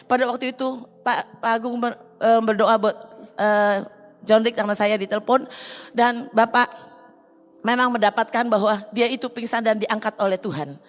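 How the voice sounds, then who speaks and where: A middle-aged woman giving an earnest, halting personal testimony in church. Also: fairly high pitch, steady tone. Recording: long hall reverb.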